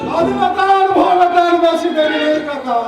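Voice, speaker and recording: A principled young landlord played by a man proclaims in declamatory folk-theatre style. The resolute voice is extremely high, distant and washed in strong echo. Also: normal speed, over music, crowd noise. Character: principled defiant young landlord, loyal to his subjects. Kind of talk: loud declamatory Bengali jatra stage acting. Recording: very echoey stage, distant microphone.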